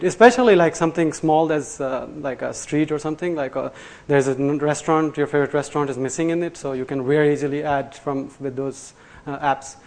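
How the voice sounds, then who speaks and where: A man with a fairly high voice gives a live technical talk in front of a room. His delivery is loose and conversational, full of fillers and restarts, and he chuckles at his own slips. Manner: loose and chatty, many fillers and restarts, laughs at himself. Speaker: conference presenter. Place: lecture room before an audience.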